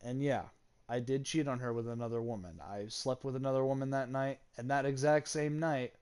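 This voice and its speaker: A man's voice: medium pitch, brisk, darkish tone, clean tone. Confessional young man telling a story. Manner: candid, confessional, swears freely. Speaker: gaming channel host. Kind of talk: personal storytelling.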